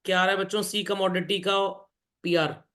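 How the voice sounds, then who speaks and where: A man's voice: high voice, steady tone, normal speed, a bit bright. A man teaching statistics to a class, quizzing students, mixing in English phrases and joking asides. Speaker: commerce teacher. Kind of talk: classroom lecture.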